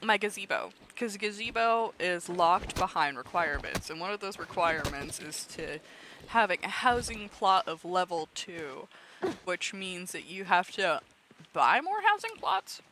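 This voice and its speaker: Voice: mid-range voice, measured pace, pushed and bright, a little hiss or hum. A nonbinary streamer in their twenties chatting casually while gaming, swearing freely, laughing often and ranting with mock outrage. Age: 20s.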